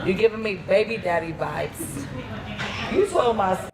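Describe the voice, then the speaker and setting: A woman's voice: mid-range voice, sing-song, unhurried, gravelly. A woman of forty, a dating show contestant, introducing herself casually with laughs. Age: 40s. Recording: noisy background.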